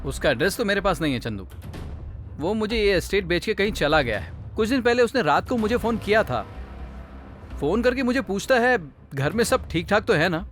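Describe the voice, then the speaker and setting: An estate owner explains things in a friendly, steady way in a dubbed film. His voice is a little high. Faint music plays behind. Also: brisk. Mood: explaining.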